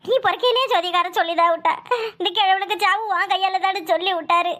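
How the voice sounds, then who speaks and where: A piercingly high, shrill cartoon daughter-in-law, as a woman acts her out wails in a southern Tamil village dialect. She laments loudly between sobs, theatrical and scheming at heart. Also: fairly even intonation, a little fast. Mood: wailing lament. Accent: southern Tamil Nadu village dialect. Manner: sobbing, loud lamenting. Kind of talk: cartoon voice acting.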